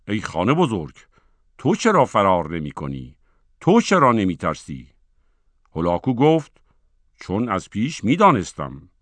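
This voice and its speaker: A man giving scripted narration, reading in a measured, formal way, letting each phrase fall at its end. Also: mid-range voice, a bit bright, no room sound.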